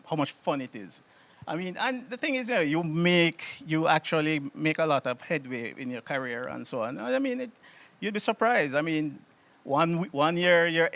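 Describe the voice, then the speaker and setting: A man giving casual, halting interview answers, often repeating words as he goes. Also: fairly high pitch, fairly bright tone. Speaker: interview guest, artist. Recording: music behind the voice. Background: music.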